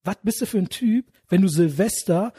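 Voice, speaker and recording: A young man telling a story in casual chat, in rough slang, acting out the quotes. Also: high-pitched, mellow, dry recording, studio quality. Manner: fast, rough street slang, acts out quotes. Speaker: podcast co-host telling a story.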